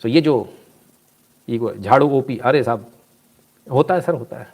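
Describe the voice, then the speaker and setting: A man talks through viewer comments in a casual live stream. His delivery is animated and scolding, and he drifts into personal anecdotes. His voice sits at an ordinary middle pitch. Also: unhurried.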